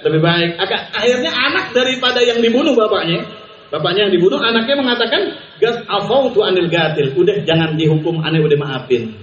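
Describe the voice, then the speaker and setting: A man's voice: high voice, a bit bright. A male religious teacher giving an Islamic study sermon, mixing Arabic recitation with casual explanation and chuckling often. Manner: chuckles often while talking. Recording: roomy, dull, faint hiss.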